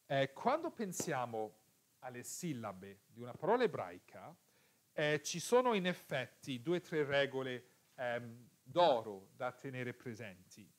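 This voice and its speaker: A man's voice: mid-range voice, very animated, unhurried. A man teaching a class, who repeats the key rules, puts questions to his students and often hesitates and corrects himself. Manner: frequent hesitations and self-corrections. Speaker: teacher of biblical Hebrew. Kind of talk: lecture to students.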